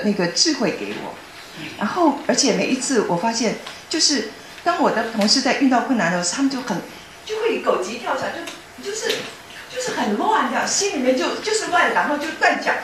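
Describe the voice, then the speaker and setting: A woman giving a personal testimony in a church hall, telling her story earnestly and excitably, often restarting her sentences. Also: fairly high pitch, brisk, a little hiss or hum.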